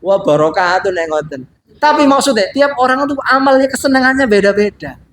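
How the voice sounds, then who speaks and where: A man's voice: extremely high pitch, fairly quick. Javanese-accented male preacher in an echoey hall. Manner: mixes chant-like Arabic recitation with lively storytelling. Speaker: religious teacher. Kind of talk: sermon. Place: study hall. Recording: echoey room, faint ambient noise.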